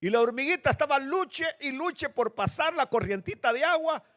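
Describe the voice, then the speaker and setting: A male pastor preaches with theatrical contrasts, jumping from high, loud bursts to low, hushed asides. His voice sounds bright and forceful with a lively, wide-ranging pitch. The sound carries the long reverb of a church sanctuary through a PA microphone. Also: normal speed. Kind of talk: sermon.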